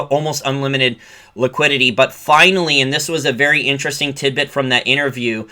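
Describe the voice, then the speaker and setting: A finance commentator with a mid-range, pushed and bright voice gives solo commentary, reading from a report and breaking off into sarcastic, ranting asides.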